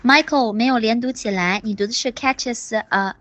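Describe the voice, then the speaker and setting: A woman teaching pronunciation in an online class, stretching vowels slowly and repeating words, with encouraging praise. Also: on the high side, fairly bright tone.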